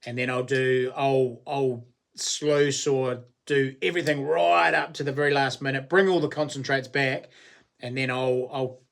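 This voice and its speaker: A late-forties livestream host with a broad New Zealand accent answers viewer comments in a laid-back, slangy, blokey way. His voice is mid-range with a fairly bright tone.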